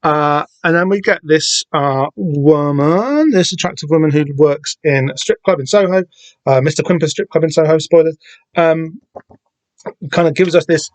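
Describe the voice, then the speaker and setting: At a normal speed and with a fairly high-pitched voice, a man hosts a solo comic book podcast, rambling off on tangents with plenty of fillers and self-corrections. He records in a room at home with the door open on a summer day, and there's no room sound.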